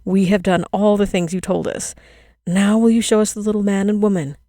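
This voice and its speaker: A woman's voice: medium pitch, fairly quick, mellow, no room sound, clean studio sound, natural voice. A woman voicing two young children begging eagerly in a storybook reading.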